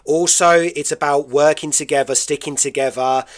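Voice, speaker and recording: A man's voice: on the high side, fairly even intonation, moderate pace. A British man hosting a radio interview show, chatty and enthusiastic, often laughing.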